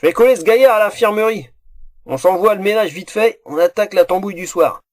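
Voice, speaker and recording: A man's voice: sits high, quick pace, dry recording, voice pushed up, natural voice. A man voicing a brash, bossy woman in a fantasy tale, bawling blunt orders. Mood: brisk, bossy.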